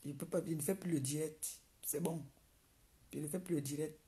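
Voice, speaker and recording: A woman's voice: deep voice, moderate pace, dark tone. Woman taunting in a live rant. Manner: taunting, repeats insults over and over. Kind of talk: mocking live-video rant.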